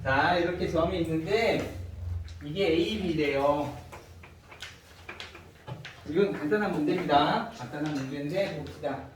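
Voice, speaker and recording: A man's voice: fairly high pitch, unhurried, long pauses, a little hiss or hum. A man teaching a math class, explaining step by step and often asking his students if they follow. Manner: asks students frequent check-in questions. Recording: echoey room, distant mic.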